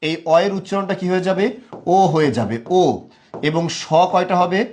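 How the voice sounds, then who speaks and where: A man's voice: high voice, lively intonation, fairly quick, darkish tone. A young man teaching a live online class, quizzing viewers and praising them again and again. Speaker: online tutor.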